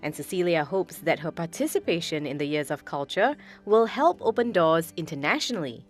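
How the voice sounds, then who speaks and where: A woman's voice: deep voice, brisk, faint music behind. A woman reporter giving polished scripted narration for a travel documentary. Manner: lively, polished.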